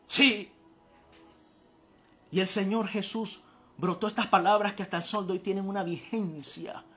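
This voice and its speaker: A male pastor from Panama preaching a sermon, swinging from hushed storytelling to impassioned shouts. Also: high voice, fairly even intonation, brisk, soft background music.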